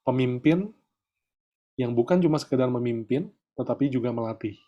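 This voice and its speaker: A middle-aged man coaching a group in a relaxed, chatty way, often tagging his sentences with little fillers. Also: mid-range voice, moderate pace, lo-fi sound. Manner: chatty, peppers talk with filler tags. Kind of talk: casual online coaching talk.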